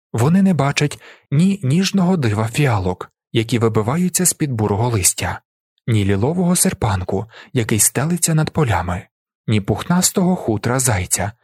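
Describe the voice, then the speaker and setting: Expressive male audiobook narrator, husky. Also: mid-range voice, no room sound, studio quality. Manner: lively expressive reading.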